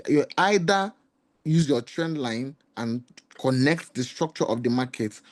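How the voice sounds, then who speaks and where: Hoarse-voiced man teaching trading. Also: medium pitch, animated, unhurried. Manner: explanatory, repetitive, asks rhetorical questions. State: slightly hoarse. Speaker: trading mentor. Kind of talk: screen-share trading lesson.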